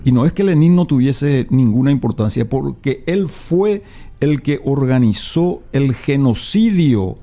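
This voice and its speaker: A man's voice: medium pitch, lively intonation, a little slow, dark tone. A man, a guest explaining his views emphatically in a radio interview, with many hesitations. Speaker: political commentator guest.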